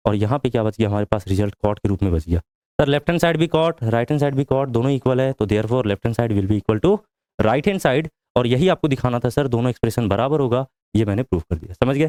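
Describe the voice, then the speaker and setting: A maths teacher from India explaining a proof step by step, asking the class questions and answering them himself. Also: male voice, mid-range voice, a little mellow, clear, resonant tone, dry recording. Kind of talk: whiteboard lesson.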